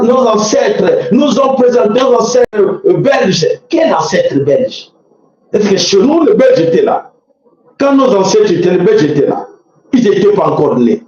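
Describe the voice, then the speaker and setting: Congolese guy ranting about politics, high voice jumping all over, super echoey muffled audio. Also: darkish tone. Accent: Congolese French. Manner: fiery and preachy, mocking and exclaiming. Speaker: political commentator. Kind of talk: impassioned political commentary. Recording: very echoey, dull lo-fi sound.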